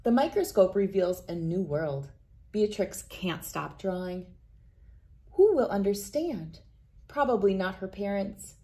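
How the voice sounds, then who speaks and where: A woman in her thirties reading a children's picture book aloud in a deliberate, expressive storytelling manner. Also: mid-range voice. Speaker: read-aloud host. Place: indoors, wood-panelled room with large windows.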